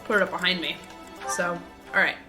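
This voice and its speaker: A woman's voice: lowish voice, steady tone, brisk. A woman streamer chatting casually and rambling as she plays a game, from a small home office that is a little echoey. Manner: chatty, rambling, thinks aloud. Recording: streamed voice over loud game music.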